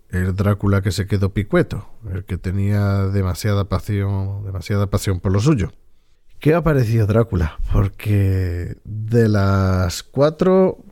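A man's voice: lowish voice, mellow. A man, co-hosting a podcast and hesitantly thinking aloud about a film. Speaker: podcast co-host. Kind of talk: casual film discussion.

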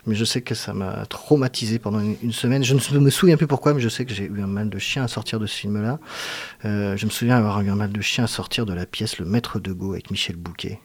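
A man's voice: lowish voice, quick pace, slightly rough. A man from France, an actor, speaking reflectively in a casual interview, often hesitating as he searches for words. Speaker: guest actor.

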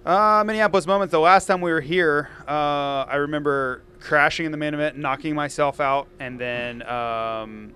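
A man's voice: on the high side, steady tone, moderate pace, few pauses, bright, forceful tone, slight background noise. A man talking casually about sports as a commentator, with dry, matter-of-fact humor. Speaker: former racer, commentator. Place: small office cubicle.

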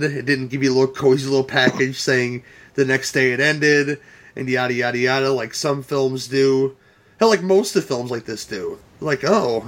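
A man's voice: medium pitch, fairly bright tone. A man co-hosting a podcast, chatting casually about films, swearing and laughing as he recounts scenes. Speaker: podcast co-host. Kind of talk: casual film review chat.

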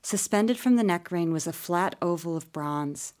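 A woman narrating a first-person story in a measured, expressive audiobook reading. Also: lowish voice.

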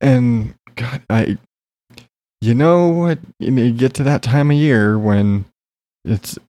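A man rambles on a casual solo podcast, full of fillers and offhand swearing, still congested as he recovers from being sick. His voice is medium-pitched and dark in tone, he speaks slowly, and there is no echo.

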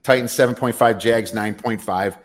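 Blunt male betting guest on a video call connection with a lowish voice, casual and repetitive. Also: fairly even intonation, normal speed. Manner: blunt, repeats his dislikes. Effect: heard over a video call connection. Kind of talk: casual podcast chat.

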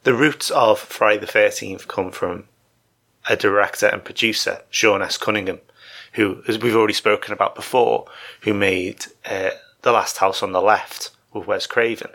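A man giving informal film history commentary as a host, in thoughtful phrases broken by pauses. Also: fairly low pitch, fairly even intonation, fairly bright tone.

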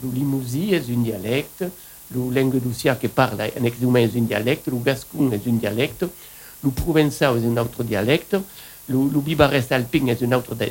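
Husky guy w a southwest french accent hosting a radio chat, rambles on, mixes in local words. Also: medium pitch, moderate pace, a little mellow, low-quality recording. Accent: southwestern French, Occitan-tinged. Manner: rambling, enthusiastic, switches between French and Occitan. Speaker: radio host.

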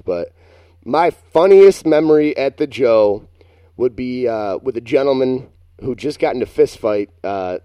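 A man's voice: mid-range voice, dark tone, no room sound, studio quality. A young man co-hosting a casual chat, telling a long, rambling, self-mocking story. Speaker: podcast co-host.

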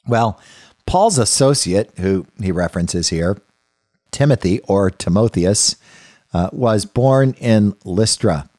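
A man's voice: lowish voice, lively intonation, slow, a little mellow, no room sound, clean studio sound. A man teaching a Bible study lesson in a thoughtful, conversational way, often restarting phrases and turning aside to the listeners. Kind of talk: unscripted Bible study lecture.

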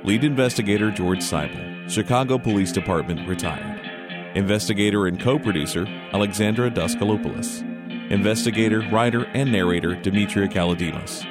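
Low voiced guy reading credits, flat formal delivery, guitar music under. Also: a little fast. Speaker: podcast narrator reading credits. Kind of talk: scripted narration.

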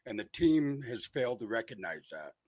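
A man's voice: mid-range voice, sing-song, moderate pace, darkish tone, no room sound. An Australian man calling in to a sports talk show on a crackly phone line that fades in and out, hesitant but firmly opinionated. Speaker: caller.

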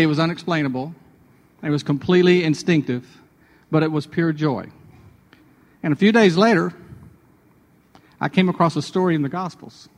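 Chatty man in a reverberant hall. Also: sits high. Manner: chatty, self-deprecating, with restarts. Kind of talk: conversational devotional storytelling.

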